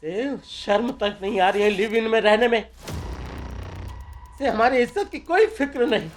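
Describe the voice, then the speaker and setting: An actor playing a strict, traditional middle-aged father who scolds his daughter and rises to shouting. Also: sits high, expressive, unhurried, soft background music. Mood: scolding.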